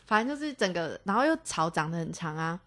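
A young woman with a Taiwanese Mandarin accent, co-hosting a podcast and telling a story in an animated, chatty way with many restarts. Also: lowish voice, fast. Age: young adult. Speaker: podcast co-host. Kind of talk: casual storytelling chat.

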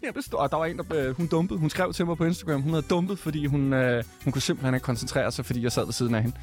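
A man's voice: fairly high pitch, soft background music. A man in his forties, a DJ guest telling stories in casual radio chat, laid-back and swearing now and then. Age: 40s. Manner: laid-back storytelling, swears and slips into English.

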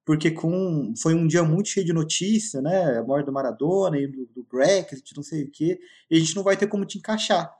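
High-voiced man telling an animated story. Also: fairly quick, few pauses. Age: 30s. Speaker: guest researcher. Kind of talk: casual podcast chat.

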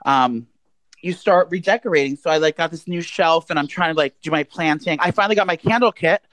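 Fast-talking rambling woman podcast host. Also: low voice, a bit bright, dry recording, low-quality recording. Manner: rambling, filler-heavy storytelling. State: out of breath. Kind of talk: casual chat. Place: her apartment.

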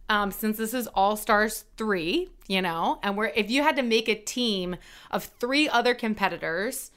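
A woman's voice: medium pitch, fairly bright tone, smooth. A woman in her twenties hosting a podcast, upbeat and bubbly in casual chat. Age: 20s. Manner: upbeat, bubbly, quick to laugh. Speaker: podcast host.

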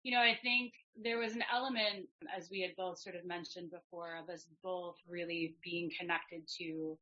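Bright-voiced, thoughtful woman in conversation. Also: fairly low pitch, steady tone, moderate pace, dull audio. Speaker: podcast guest and herbal business co-founder. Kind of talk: reflective conversational talk.

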